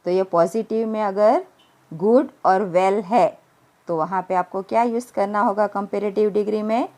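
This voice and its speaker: Woman teacher, unhurried, deliberate delivery, spells words letter by letter. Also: mid-range voice, darkish tone. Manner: mixes Hindi and English, spells words letter by letter; slow deliberate English phrases, quicker Hindi explanations. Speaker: primary school English teacher. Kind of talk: recorded grammar lesson.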